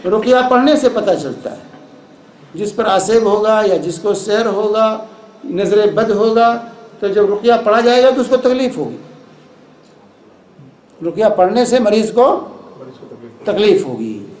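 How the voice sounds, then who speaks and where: High-pitched man lecturing in an echoey hall. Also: a little slow, pauses often. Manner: calm explanatory, repeats points for emphasis. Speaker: Islamic lecturer. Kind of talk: lecture with audience questions. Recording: echoey hall with faint noise.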